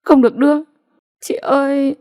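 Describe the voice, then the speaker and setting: A woman voicing a beaten, despairing young village woman whose speech turns high and pleading. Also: fairly even intonation, moderate pace, darkish tone. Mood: desperate. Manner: pleading and broken, high-pitched cries.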